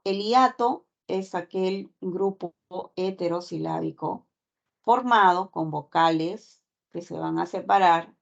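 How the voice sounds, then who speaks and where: A woman's voice: lowish voice, gravelly. A woman teacher giving a class lecture, explaining step by step and checking in with constant tag questions. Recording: dull lo-fi recording.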